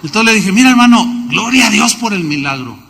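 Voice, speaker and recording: A Mexican preacher with a high, very bright and cutting voice, delivering a sermon in a church. He tells anecdotes with shouted exclamations and acts out claps. His voice rings with a long echo through a large hall. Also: lively intonation, brisk, vocal fry, a little hiss or hum. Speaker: pastor. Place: church auditorium.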